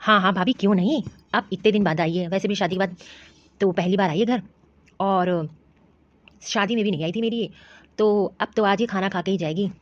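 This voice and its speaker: A woman voicing a bossy, dismissive young husband and son in an animated cartoon. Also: medium pitch, normal speed, no room sound, lightly acted. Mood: casual. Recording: dry, dull lo-fi audio.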